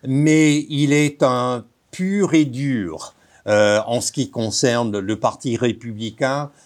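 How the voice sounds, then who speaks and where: Slow, deliberate male professor from Texas. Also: medium pitch. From Texas, United States. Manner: deliberate, lecturing, with fillers and restarts. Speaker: professor, guest. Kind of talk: radio interview.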